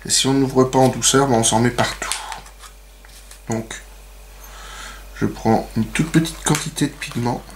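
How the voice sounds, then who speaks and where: A man's voice: medium pitch, fairly even intonation, a little slow, long pauses, slight background noise. Chatty man demoing a craft tutorial. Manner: chatty, many fillers and "donc"; playful self-mocking asides. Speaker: nail art tutorial host. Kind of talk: casual how-to demonstration.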